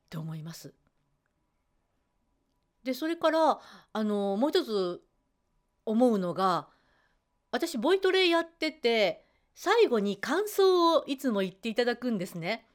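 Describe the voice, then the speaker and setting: A woman's voice: fairly high pitch, very animated, slow, pauses often. A woman voice trainer giving a chatty spoken self-help talk, acting out her students as she goes. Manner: chatty, acts out quoted students.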